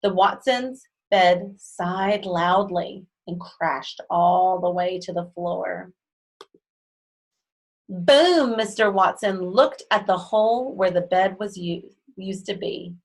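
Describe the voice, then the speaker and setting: A woman's voice: on the low side, fairly even intonation, slow pace, few pauses, rough recording. A woman reads a children's storybook aloud. She breaks in now and then with chatty asides of her own. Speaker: reader. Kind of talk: reading a children's book aloud.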